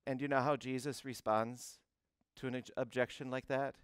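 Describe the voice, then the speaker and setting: A male pastor preaching a sermon, animated, often restarting words and phrases before driving a point home. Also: medium pitch, moderate pace, smooth, no room sound. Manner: animated preaching with frequent repeated starts.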